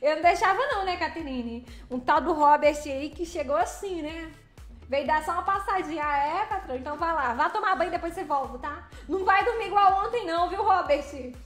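A woman's voice: very high voice, fairly quick, a bit bright, reverberant, soft background music. A woman chatting casually on a livestream while driving, playfully greeting viewers by name. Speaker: livestreaming truck driver. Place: vehicle cab while driving.

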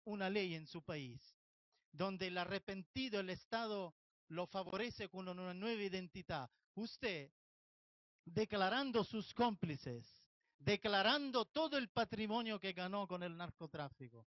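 A man's voice: high voice, no room sound, dull audio. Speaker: man, Sicilian, Italian accent, protest speech, insistent, dry recording. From Italy, Sicily. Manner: impassioned, demanding. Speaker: activist speaker.

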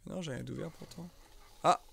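A man's voice: on the high side, normal speed, gravelly, a bit bright, slightly rough. A young man commentating a survival game live, easygoing and talkative. He banters with viewers in the chat and jokes about his play. Keyboard typing clicks under his voice. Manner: chatty, joking, reads and answers viewer chat. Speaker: streamer.

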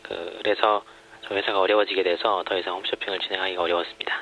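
Ein anonymer Mann, dessen Stimme elektronisch tief verfremdet ist. Er erklärt ruhig und sachlich, mit häufigem Zögern und Füllwörtern. Der Klang ist dumpf und gedämpft wie bei einer Radioübertragung. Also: male voice, flat delivery, vocal fry, pushed and bright, muffled recording, slight background noise. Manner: measured, explanatory, frequent hesitations. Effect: voice disguised, pitch shifted deep. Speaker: former home shopping supplier, interviewee.

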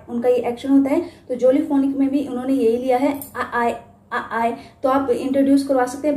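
High-voiced woman teaching phonics sounds. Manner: models letter sounds loudly, drawn out. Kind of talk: spoken teaching tutorial. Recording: echoey room.

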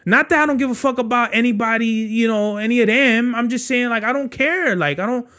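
Young male podcast host, high voice, rambling and profane, street slang. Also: a little fast, bright, forceful tone. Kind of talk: casual solo monologue.

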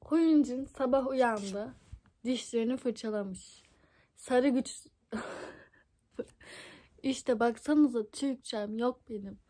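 A woman's voice: fairly high pitch, takes it slowly, long pauses, dark tone. Amused young woman reading with a scratchy voice. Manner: amused, mocking asides, frequent laughs and stumbles. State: scratchy voice, tickly throat. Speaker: reader of a fan fiction book. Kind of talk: casual reading aloud, commenting and laughing. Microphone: phone.

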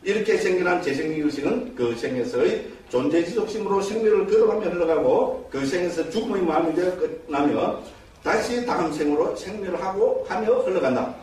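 A male Buddhist monk giving a dharma lecture in a temple teaching hall, keeps checking in with his listeners through quick rhetorical questions. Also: high-pitched, lively intonation, darkish tone, a little hiss or hum. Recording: echoey lecture hall, distant mic.

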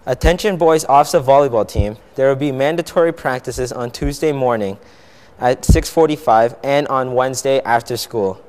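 A man's voice: mid-range voice, a little mellow. A young man reads school sports announcements from a script, stumbling now and then. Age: teenager to young adult. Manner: reading from a script, stumbling at times. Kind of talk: read-out school sports news. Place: indoor school set, seated. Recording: reverberant room.

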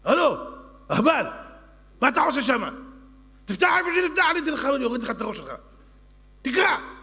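A man playing a bossy, furious king who shouts threats, in an echoey hall. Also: extremely high pitch, pitched above the performer's own voice, exaggerated voice. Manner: yelling, threatening.

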